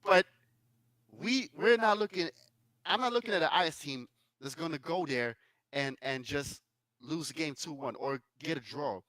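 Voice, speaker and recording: A man's voice: on the high side, normal speed, a bit bright, no room sound, clean studio sound. A young man co-hosting a casual football chat, blunt and emphatic, often laughing.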